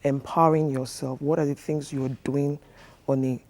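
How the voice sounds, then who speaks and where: A man's voice: medium pitch, flat delivery, moderate pace, gravelly, darkish tone. A man, a relationship coach giving earnest, instructive advice in a TV studio interview, with many fillers.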